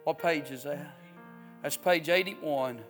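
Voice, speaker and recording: A man preaching a revival sermon in a church, pleading with the congregation and swinging from loud exhortation to hushed urgency. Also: on the high side, slow pace, soft background music. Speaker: pastor. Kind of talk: revival sermon with altar call. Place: church sanctuary.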